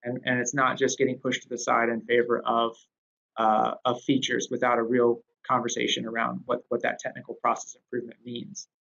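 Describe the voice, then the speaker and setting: A man at an everyday mid pitch, talking through ideas in a casual discussion. He thinks aloud with plenty of fillers and restarts. The audio is a little dull and lo-fi. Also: monotone, brisk, creaky, a bit bright. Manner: thoughtful, with frequent fillers and restarts. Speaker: guest speaker on DevOps. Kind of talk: conversational discussion.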